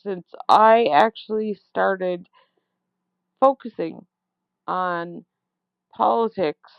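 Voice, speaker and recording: A woman leaving a long complaint voicemail, speaking in an accusatory, emphatic and halting way, repeating words for stress. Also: mid-range voice, creaky, clean tone, no room sound. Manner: slow, deliberate, halting phrasing. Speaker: caller. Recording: dull lo-fi voicemail phone recording.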